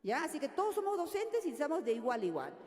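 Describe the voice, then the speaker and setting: Animated older woman lecturing in echoey hall. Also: sits high, fast talker. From Peru. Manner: animated, questioning audience often. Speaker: teacher trainer. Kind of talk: workshop lecture to teachers.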